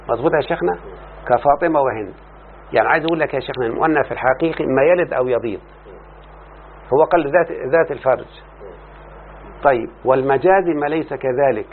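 Egyptian man, grammar lesson, quizzing his student, tinny lo-fi sound, faint hiss. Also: mid-range voice. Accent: Egyptian Arabic. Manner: explains then quizzes the student with repeated checks. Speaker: teacher of Arabic morphology. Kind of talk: Egyptian-dialect classroom lesson.

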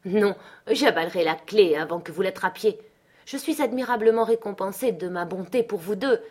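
A woman voicing a proud, quick-tempered young woman in an audiobook, scornful and dramatic. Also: mid-range voice, animated, darkish tone, natural voice. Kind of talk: audiobook character reading.

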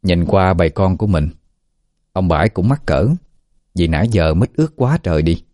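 Deep, mellow-voiced male storyteller. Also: lively intonation, moderate pace, no echo, studio quality. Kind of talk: scripted story narration.

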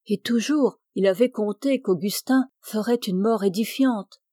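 A woman narrating a literary novel as an audiobook reader, measured and expressive. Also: mid-range voice, no room sound, studio quality.

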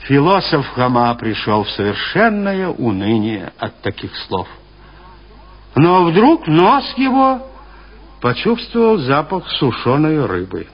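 A man narrating an audiobook in a theatrical, expressive literary reading, in a dull lo-fi archive recording. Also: on the high side, takes it slowly, breathy edge. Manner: theatrical, lively storytelling.

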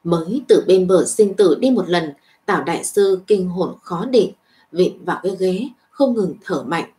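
Low-voiced woman reading a story. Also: lively intonation, moderate pace, dark tone. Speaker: narrator. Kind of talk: scripted narration of a web novel.

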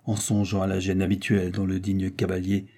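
A man narrating a classic novel in a measured, dramatic storytelling manner. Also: sits low, monotone, dark tone. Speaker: audiobook narrator. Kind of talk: literary audiobook narration.

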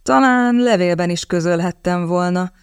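A woman's voice: fairly low pitch, clean tone, no room sound, studio quality, close to an everyday voice. Woman doing a pouty cowardly young gent, stammers and whines, audiobook. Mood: whiny. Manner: whiny, stammering.

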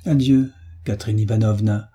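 A man's voice: on the low side, fairly even intonation, normal speed, mellow, breathy edge. A man voicing a shy but earnest young man speaking seriously, in an audiobook.

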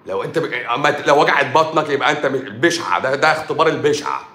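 A man's voice: medium pitch, rapid-fire, pushed and bright. A man with an Egyptian Arabic accent, a doctor hosting a livestream, talking in a sarcastic, scolding way. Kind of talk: casual livestream rant. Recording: roomy echo.

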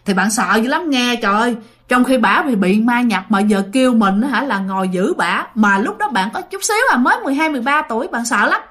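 A woman's voice: a little high, animated, fairly quick, a bit bright. A woman telling a ghost story in a chatty, casual way, full of fillers and asides to her listeners. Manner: chatty, many fillers, addresses listeners directly.

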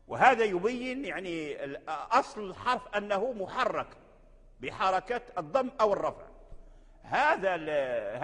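Moroccan sheikh teaching Quranic readings, echoey hall. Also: male voice, fairly high pitch, fairly bright tone. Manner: explains patiently with repetitions and restarts, chants verses slowly. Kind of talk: classroom lecture on Quranic readings.

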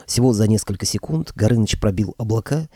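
A man narrating a humorous fantasy audiobook in a lively, ironic storytelling manner. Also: lowish voice, fairly quick, slightly rough, dry recording, studio quality. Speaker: audiobook reader.

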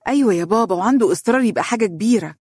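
A man voicing a cheerful young bride-to-be with an Egyptian accent, in a raised, lively voice. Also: medium pitch, fast talker, husky, dry recording, studio quality, pitched above the performer's own voice, close to an everyday voice. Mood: eager. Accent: Egyptian Arabic.

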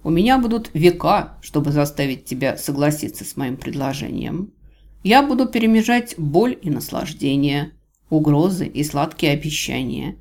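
A cruel villain god drawls his threats with slow, silky menace, as a woman reading a storybook puts him on. The voice sits low and a little louder than the narration, calm and mocking. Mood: menacing. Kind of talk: audiobook character voice.

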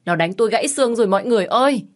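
Woman doing a shrill, brawling woman past fifty. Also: animated, very fast, lightly acted. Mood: wailing. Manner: shrill, wailing, theatrical ranting.

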